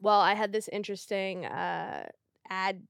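A woman's voice: mid-range voice, unhurried, creaky, a bit bright, no room sound. Female podcast host, mid-range voice, irreverent and blunt, casual comedic banter, close dry sound.

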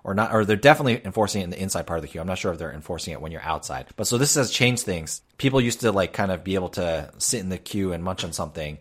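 Deep-voiced man chatting casually. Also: lively intonation, rapid-fire, few pauses, slightly rough. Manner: conversational, many fillers. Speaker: podcast co-host. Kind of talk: casual chat.

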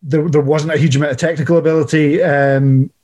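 A man co-hosting a casual football chat, halting and repeating words, with dry humour. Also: on the high side, fairly even intonation, a little mellow, lo-fi sound. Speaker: podcast co-host.

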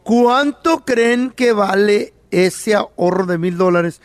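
A man's voice: high-pitched, slow pace, no echo. A man, co-hosting a radio show, joking and slipping English words into his stories. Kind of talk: casual chat, storytelling.

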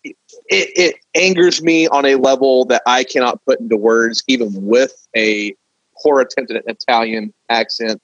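A man's voice: mid-range voice, steady tone, normal speed, dry recording. A man co-hosting a casual podcast, ranting with real passion. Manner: impassioned, ranting. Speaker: podcast co-host. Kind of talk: casual chat. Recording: slightly dull dry mic.

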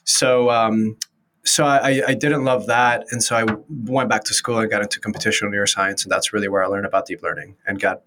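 Low-voiced man from Venezuela, relaxed. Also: a little fast, a little hiss or hum. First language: Spanish. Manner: relaxed, many fillers and restarts. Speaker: guest, startup founder. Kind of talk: casual interview talk.

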